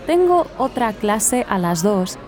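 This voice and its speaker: Slow, clear woman from Spain. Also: mid-range voice, big pitch swings, darkish tone. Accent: Spanish from Spain. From Spain (Galicia). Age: 20s. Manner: slow, clear, carefully spoken. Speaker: narrator and new Spanish teacher. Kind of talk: scripted learner story narration.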